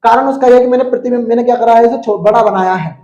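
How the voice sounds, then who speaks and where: High-voiced chatty Hindi science teacher. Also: male voice, rapid-fire, dark tone, echoey room, dull audio. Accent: Central Indian Hindi. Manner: chatty, addresses students as brother, tells stories. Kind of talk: classroom physics lesson.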